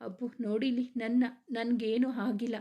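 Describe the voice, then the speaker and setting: A woman voicing a gentle, soothing middle-aged mother who is unwell, in a storybook reading. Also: a little high, flat delivery, normal speed.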